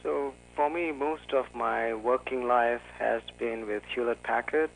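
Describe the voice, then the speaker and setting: A man from Singapore, a guest author, answering calmly and a bit formally in an interview. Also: mid-range voice, unhurried, gravelly, low-quality recording. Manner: calm, careful and formal. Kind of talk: conversational interview.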